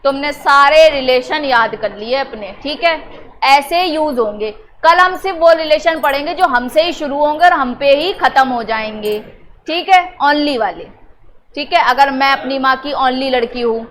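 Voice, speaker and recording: A woman teacher drilling a class on family words, teasing and prodding students to answer loudly. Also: high-pitched, a little hiss or hum. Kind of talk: classroom lesson.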